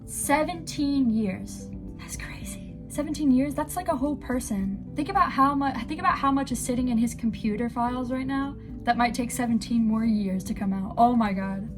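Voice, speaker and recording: Young woman YouTube reactor, higher voice, gushing and giggly, rambles excitedly. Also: moderate pace, music in the background. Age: 20s.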